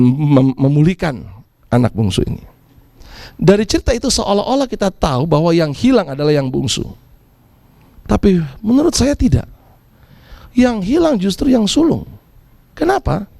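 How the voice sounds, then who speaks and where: A man preaching a sermon, dramatically acting out the people in his story with shouts and laughter. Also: high-pitched, vocal fry, no room sound, studio quality. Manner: animated, acts out characters with shouts and laughs. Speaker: pastor.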